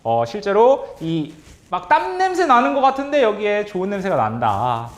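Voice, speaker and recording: A man runs a quiz-style workshop for teachers in a high, bright-toned voice that swoops up and down with lively range. He is upbeat and animated, calling on his audience, cheering their answers and chuckling often. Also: moderate pace. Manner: chuckles often between remarks. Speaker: career-education trainer leading a teacher workshop.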